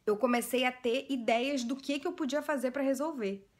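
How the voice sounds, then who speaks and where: A woman's voice: high-pitched, moderate pace. A woman in her thirties with a Brazilian Portuguese accent, earnestly retelling a personal story to her viewers as a vlogger. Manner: earnest, animated retelling, addresses viewers directly.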